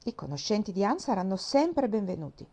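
A woman reading the part of a dignified older lady, speaking in a measured, gentle and mellow voice. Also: mid-range voice, very animated. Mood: gracious.

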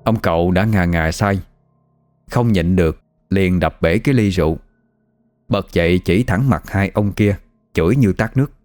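A man's voice: sits low, moderate pace, pauses often, a little mellow. A man with a Southern Vietnamese accent narrating a ghost story in a dramatic, vivid manner. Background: faint music.

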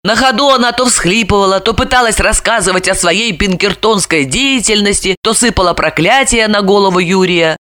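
A woman narrating a novel in measured, expressive storytelling. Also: medium pitch. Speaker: audiobook narrator. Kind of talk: scripted narration.

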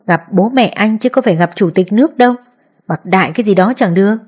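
A woman's voice: medium pitch, quick pace, darkish tone, slightly rough, close to an everyday voice. A woman voicing a lazy, teasing young boyfriend in an audiobook, talking offhandedly. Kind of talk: audiobook character voice.

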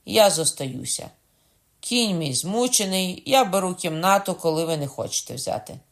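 Brief: reader doing a hot-headed young noble, loud and higher-pitched, shouting his threats. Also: expressive, normal speed, lightly acted. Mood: indignant shouting. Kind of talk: audiobook character voice.

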